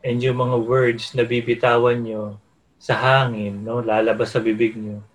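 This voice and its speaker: A man's voice: medium pitch, flat delivery, unhurried, poor audio. A man co-hosting a casual talk show, easygoing and slipping English phrases into his Tagalog. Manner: easygoing, mixes English into Tagalog, laughs often. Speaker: podcast co-host. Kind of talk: casual chat.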